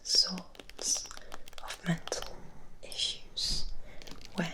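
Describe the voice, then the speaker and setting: A woman leading an ASMR meditation in a breathy, unvoiced whisper, soothing and deliberate, softly repeating words. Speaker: ASMR host guiding relaxation.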